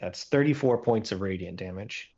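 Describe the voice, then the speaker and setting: A man with a low, husky voice narrates a tabletop game as game master, calm and unhurried, often pausing to think. The recording sounds muffled and lo-fi. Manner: relaxed, thinking aloud with fillers.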